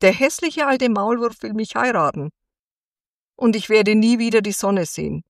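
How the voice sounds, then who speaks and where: A woman reading aloud voices a tiny, gentle girl in a children's storybook, speaking high and pleading. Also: normal speed, gravelly, dry recording, clean studio sound, far from the mic. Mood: despairing.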